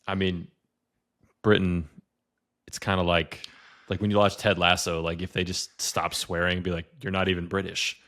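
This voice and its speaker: A man's voice: low voice, level tone, moderate pace, long pauses, a bit bright. A man co-hosting a podcast, chatting casually and rambling with lots of "like" fillers. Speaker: podcast co-host. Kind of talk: casual chat.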